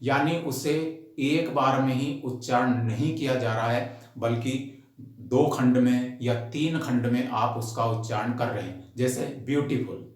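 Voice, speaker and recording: Male grammar tutor, slow and methodical, spells words out, very echoey room. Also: mid-range voice, a little mellow. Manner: slow and deliberate, spells words out letter by letter and repeats each rule; addresses the class directly as students. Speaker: English grammar teacher. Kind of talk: recorded grammar lesson.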